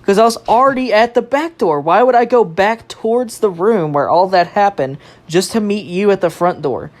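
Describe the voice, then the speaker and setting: A young adult podcast storyteller, animated and loose, dropping swear words and laughing along. The voice is mid-pitched, and the delivery is casual chat. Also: normal speed. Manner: animated, swears freely, laughs while telling.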